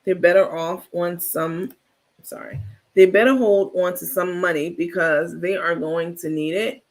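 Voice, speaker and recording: Male livestream host, high pitch with a gravelly texture, blunt and animated gossip talk. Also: unhurried. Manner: animated, talkative, blunt, laughs often. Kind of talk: casual live gossip commentary, reacting to viewer chat.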